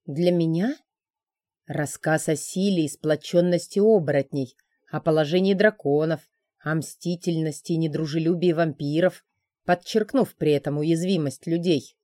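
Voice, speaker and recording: Low, mellow woman narrating a story. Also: moderate pace, no echo, clean studio sound. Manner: steady, even storytelling. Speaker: audiobook narrator. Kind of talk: scripted narration.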